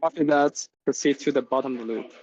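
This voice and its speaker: A man's voice: mid-range voice, fast talker, a crowd in the background. A man heard over a radio, making hesitant requests as a model railroad train operator. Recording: dull lo-fi radio sound.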